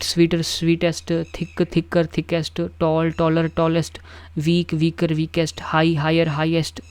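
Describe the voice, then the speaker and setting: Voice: mid-range voice, a little mellow, clear, resonant tone. A teacher gives a patient, explanatory grammar lesson. The teacher steps through word lists one by one and checks in often with the class.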